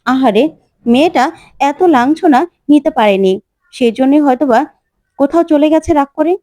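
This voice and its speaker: A woman's voice: high voice, expressive, normal speed, mellow, no room sound, clean studio sound. A woman voicing a gossipy sister-in-law who speaks in a needling, mocking way.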